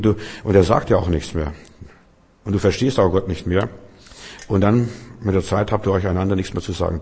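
A man's voice: low-pitched, dark tone, breathy edge. A man preaching a sermon in an emphatic, searching way. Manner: emphatic, acts out quoted voices. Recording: long hall reverb.

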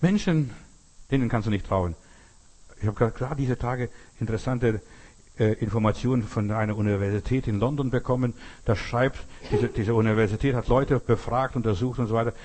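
Preaching with emphasis, an older man pauses for dramatic effect, repeats his phrases and speaks straight to the listener. His voice is mid-range and a little mellow.

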